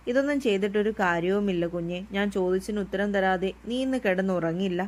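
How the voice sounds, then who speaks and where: A woman's voice: medium pitch, quick pace, close to an everyday voice. A teasing young lover from a read-aloud romance, as a woman narrator puts him on, coaxing and playful, sulking now and then. She keeps close to her own voice. He speaks like a cheeky young man who loves to tease.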